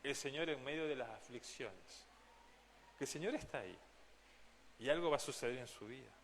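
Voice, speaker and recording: Lively earnest pastor preaching. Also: male voice, mid-range voice, moderate pace, slight background noise. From Argentina. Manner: earnest, direct, asks the congregation questions. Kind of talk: sermon. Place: church.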